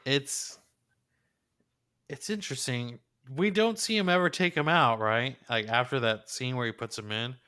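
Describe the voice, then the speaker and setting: A man's voice: medium pitch, a little slow, pushed and bright, clear, resonant tone. A man co-hosting a podcast, chatting casually and enthusiastically about an anime episode like a gushing fan. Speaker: podcast co-host.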